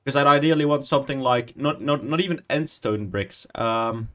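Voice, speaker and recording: Speaking at a moderate pace with a fairly bright, mid-range tone, this man in his twenties offers casual Minecraft stream commentary. His talk is rambling, chatty, and self-deprecating, and he mutters quietly while typing commands.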